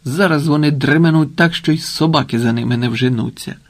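A man's voice: a little high, brisk. Man playing a resourceful peasant lad in an audiobook, earnest and determined, slightly raised. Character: plucky resourceful young shepherd boy.

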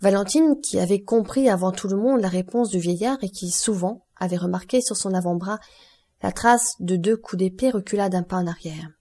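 Mellow woman narrating a classic novel. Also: medium pitch. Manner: measured, expressive reading. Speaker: audiobook narrator.

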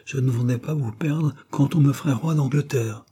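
A man's voice: medium pitch, moderate pace, warm tone, breathy edge, pitched above the performer's own voice, natural voice. A man voicing a pleading young working-class suitor in a storybook reading, speaking in a coaxing way.

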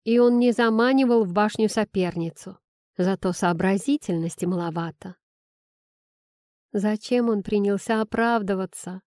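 A woman reads a first-person audiobook in an even, wry manner. Her voice is warm and dark, and her pitch sits in the middle. The recording is dry and close, with no room sound. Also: normal speed, no echo. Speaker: narrator.

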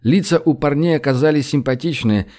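A man narrating an audiobook, lively and acting out the dialogue. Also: a little high, brisk.

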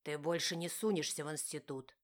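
A woman voicing an angry, domineering young husband who growls and shouts in a lowered, slower voice. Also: lightly acted. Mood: furious.

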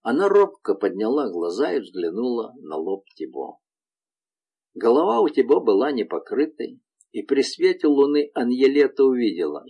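A man narrating an audiobook with expressive storytelling. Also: medium pitch, slightly rough. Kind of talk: scripted narration.

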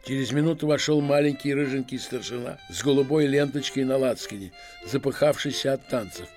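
A man narrating a classic story in a measured, expressive audiobook reading. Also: mid-range voice, faint music behind.

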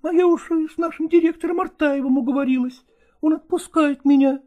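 A male audiobook reader voicing an impulsive, eager young actress who talks in excited, pleading exclamations. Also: extremely high pitch, brisk, dull audio, pitched above the performer's own voice. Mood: pleading, lively.

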